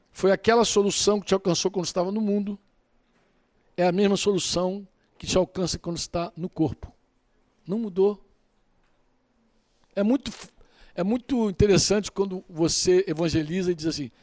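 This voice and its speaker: A man preaching a sermon in a lively, colloquial way, acting out bits of dialogue. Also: high voice, no room sound.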